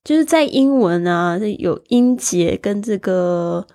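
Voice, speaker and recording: A woman explains English words in Mandarin in an easy, chatty way. She spells each word slowly and stops to point out where the stress falls. Her pitch sits in the middle of the usual range. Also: animated, mellow. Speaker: English teacher. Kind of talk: bilingual vocabulary lesson.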